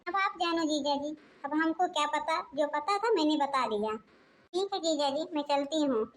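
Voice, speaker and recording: A woman's voice: sits high, normal speed, slight background noise, natural voice. A woman voicing a scheming young daughter-in-law in a cartoon, sweet-talking and sly.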